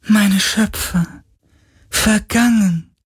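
A man voicing an ancient, lonely telepathic sea spirit in a German audiobook, speaking in a breathy hushed whisper. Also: medium pitch, takes it slowly, voice pushed up. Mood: mournful.

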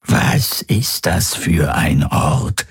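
Man doing a whispering skeletal monster, slow and sinister, very deep, husky, audiobook. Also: sing-song, no echo, studio quality, full character voice.

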